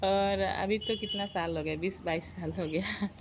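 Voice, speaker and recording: A woman in her forties chats straight to her viewers, telling a long family story. She is animated and slips into her relatives' voices when she quotes them. There is a faint hiss of noise behind her. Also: mid-range voice, unhurried.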